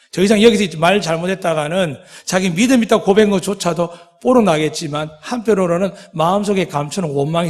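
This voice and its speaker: A pastor preaching a sermon, with dramatic voiced quotes and many rhetorical questions. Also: male voice, a little high, big-room sound. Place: church sanctuary.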